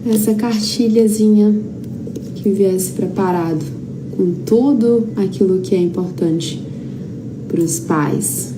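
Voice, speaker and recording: A woman with a Brazilian accent speaks slowly at a medium pitch, lecturing informally as a therapy teacher and filling the talk with anecdotes. She is conversational, repeats phrases for emphasis, and acts out quoted dialogue. The background noise is clearly audible.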